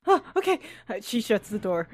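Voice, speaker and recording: A woman's voice: fairly high pitch, sing-song, moderate pace, dry recording. A woman playing a character in a tabletop role-playing game, playful and giggly. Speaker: player.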